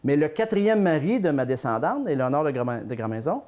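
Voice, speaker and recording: A man speaking with a Québécois accent shares family tales as a guest in a relaxed interview. His voice sits a little high, and his delivery is lively and anecdotal, with a playful storyteller's touch. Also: a little fast. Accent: Québécois French. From Saint-Tite, Mauricie, Quebec.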